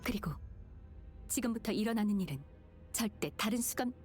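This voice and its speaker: A woman as Faust, fast, detached intellectual. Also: medium pitch, lively intonation, darkish tone, soft background music, natural voice. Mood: composed warning. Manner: measured wording, detached, formal. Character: calm, calculating intellectual woman, aloof. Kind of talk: restrained game voice acting.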